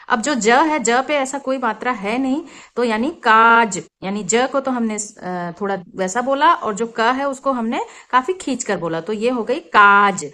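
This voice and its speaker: A woman with a fairly high voice teaches a lesson for young children. She explains with patience and stretches out each example word so it can be heard clearly. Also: a bit bright.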